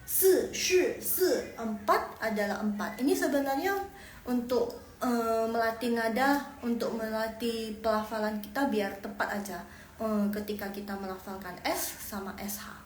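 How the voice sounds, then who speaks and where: A woman's voice: fairly high pitch, normal speed. A woman teaching Mandarin pronunciation in a live online lesson, chatty, repeating syllables and tones and correcting herself as she goes. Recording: echoey room with faint background noise.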